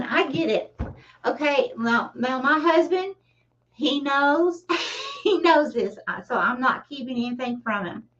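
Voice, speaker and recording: A middle-aged woman giving a casual livestream tarot reading, chatty and often laughing at herself. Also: high voice. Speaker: tarot reader. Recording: distant, slightly dull mic.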